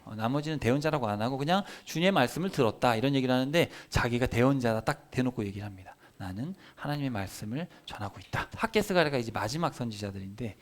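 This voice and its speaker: A man preaching a Bible sermon for children and families, explaining the text and acting out quoted prayers with lively shifts in voice. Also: mid-range voice, fast, few pauses. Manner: animated, acts out quoted prayers and God's replies. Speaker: pastor. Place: church service.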